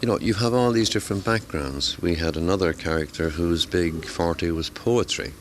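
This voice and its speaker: Interviewed conversationally at a convention, this middle-aged amateur radio tutor talks haltingly, leaning on fillers and repeating himself. His voice is low and his pace moderate, with slight background noise behind him.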